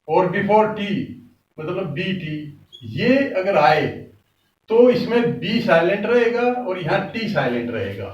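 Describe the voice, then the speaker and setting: Slow, high-voiced Indian teacher. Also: male voice. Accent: Indian English. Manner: slow, repeats each word several times. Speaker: English pronunciation teacher. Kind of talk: classroom lesson. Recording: echoey room, mic far off.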